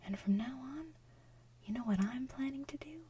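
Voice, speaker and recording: Lady doing a snooty sour kangaroo lady, smug high whisper, mellow. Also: lively intonation, normal speed, breathy edge, far from the mic, exaggerated voice. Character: sour, haughty female kangaroo. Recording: faint hiss, off-mic.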